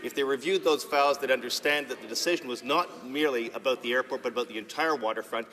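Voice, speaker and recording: Fast, forceful male politician. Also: mid-range voice, slight background noise. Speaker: parliamentary secretary. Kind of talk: formal parliamentary answer. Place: large legislative chamber. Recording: echoey legislative hall.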